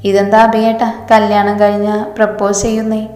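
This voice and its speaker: A woman's voice: medium pitch, monotone, brisk, a little mellow, soft background music, natural voice. A woman voicing a cheeky, teasing younger sister who talks in a playful, mischievous way. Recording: echoey hall reverb.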